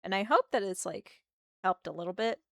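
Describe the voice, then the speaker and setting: An art streamer chats casually with her livestream while drawing, her medium-pitched voice slightly hoarse and gravelly from a sore throat. At a moderate pace she thinks aloud and often trails off into quiet muttering as she works. The sound is close and dry, with no room sound.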